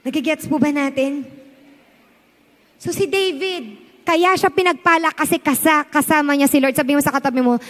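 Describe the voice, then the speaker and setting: A woman's voice: high voice, moderate pace, in a large hall. A Filipino woman pastor preaching a sermon, emphatic and moving between Tagalog and English.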